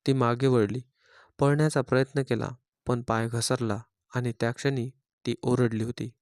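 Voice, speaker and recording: A man telling an emotional story in grave, measured scripted narration. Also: medium pitch, a little mellow, no room sound, studio quality.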